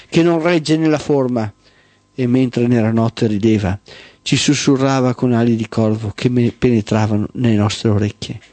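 A man's voice: medium pitch, a little mellow, no room sound. Solemn man narrating a mythic tale. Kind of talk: dramatic mythic storytelling.

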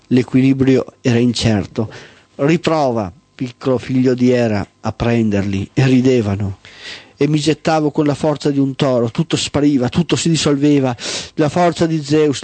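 A man telling a dark mythic story in a solemn, incantatory way, with sudden high cries on repeated words. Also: no room sound. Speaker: narrator.

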